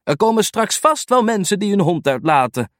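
A man's voice: high-pitched, sing-song, moderate pace, a bit bright, dry recording, clean studio sound, voice pushed up. A man voicing a kindly older man who walks with a rollator, in a children's storybook.

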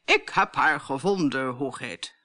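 A woman voicing a polite, dutiful male servant in a storybook reading, speaking calmly and formally. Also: extremely low pitch, a little slow, pitched below the performer's own voice, full character voice.

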